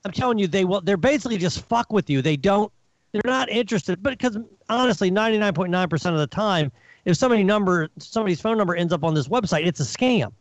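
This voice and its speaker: A man on a podcast telling a story with animated indignation, swearing as he goes. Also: high voice, quick pace, dry recording, poor audio. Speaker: regular guest of the show. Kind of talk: casual podcast chat.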